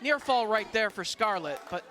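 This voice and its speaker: A man calling live wrestling play-by-play, excited and clipped, often raising his voice to a shout. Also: high-pitched, normal speed. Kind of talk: live sports commentary. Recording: loud crowd and noise behind. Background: wrestling crowd.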